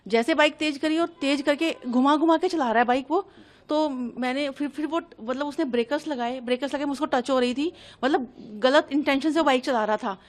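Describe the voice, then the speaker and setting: A woman from Delhi giving an agitated first-person account to a reporter, re-enacting the exchanges as she tells it. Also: sits high. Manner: agitated, fast, re-enacting dialogue. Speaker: interviewee recounting an incident.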